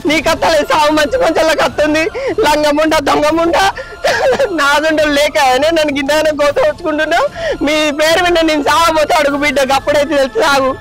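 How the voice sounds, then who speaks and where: A man's voice: very high-pitched, flat delivery, brisk, loud music behind the voice, rough recording. A man with a Telangana accent playing a young village wife who fights back against her mother-in-law with curses and complaints. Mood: defiant. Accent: Telangana Telugu. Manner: defiant, cursing, complaining. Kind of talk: village comedy skit acting.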